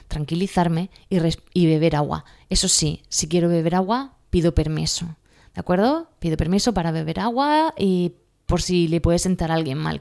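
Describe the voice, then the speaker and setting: A woman speaking with a Spanish accent from Spain offers exam advice in a relaxed spoken lesson, her lowish voice a little mellow. Talkative and self-mocking, she repeatedly asks "¿vale?" to make sure everyone follows.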